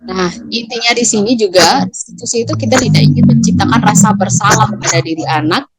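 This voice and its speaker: A woman's voice: mid-range voice, big pitch swings, brisk, very noisy. Woman teacher presenting to colleagues. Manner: acts out teacher and student lines with shifting intonation. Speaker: teacher presenting training material. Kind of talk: explaining to colleagues in a staff training session.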